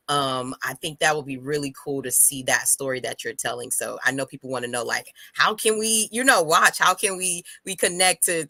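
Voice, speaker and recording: A woman's voice: low-pitched, pushed and bright, dry recording. A woman hosting an interview, asking questions in an encouraging, conversational way. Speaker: interview host.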